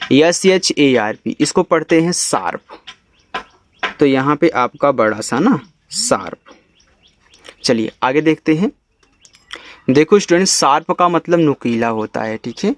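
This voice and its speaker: A man from India teaching English reading, spelling each word letter by letter and then sounding it out slowly. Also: medium pitch, no echo. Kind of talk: step-by-step spelling lesson.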